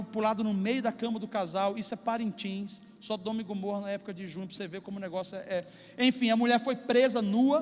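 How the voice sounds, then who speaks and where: High-voiced Brazilian pastor preaching. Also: male voice. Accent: Brazilian Portuguese. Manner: animated storytelling, acting out scenes. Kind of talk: sermon. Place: church sanctuary. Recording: reverberant church hall with faint music.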